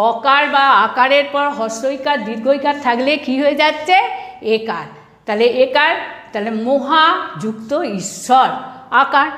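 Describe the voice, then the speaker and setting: A woman's voice: sits high, fairly bright tone, echoey room. A woman teacher with a Bangladeshi Bengali accent gives an online grammar lesson, asking questions and answering them herself as she repeats each rule. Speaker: primary school teacher.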